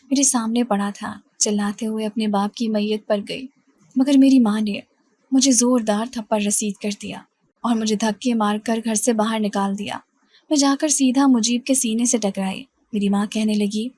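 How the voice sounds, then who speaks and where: A woman's voice: on the high side, mellow, no echo. Woman narrating a dramatic story. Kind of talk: scripted first-person story narration.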